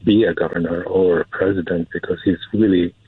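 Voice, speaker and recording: A Syrian film producer appears as an interview guest, talking casually but hesitantly and repeating words for emphasis. His low-pitched voice is steady in tone, fairly quick, and edged with breathiness. The recording is dry, with a narrow, phone-like band.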